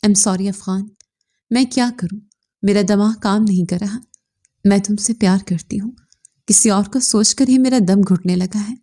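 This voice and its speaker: A woman's voice: mid-range voice, normal speed, mellow, natural voice. A woman voicing a tearful, stubborn young bride. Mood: desperate, tearful. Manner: tearful, insistent pleading.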